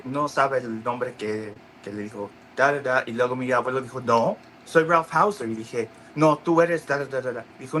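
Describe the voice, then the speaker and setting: Halting man with a bright voice. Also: medium pitch, a little hiss or hum, poor audio. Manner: halting, many restarts and fillers, acts out quoted voices. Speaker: interview guest. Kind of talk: casual storytelling interview.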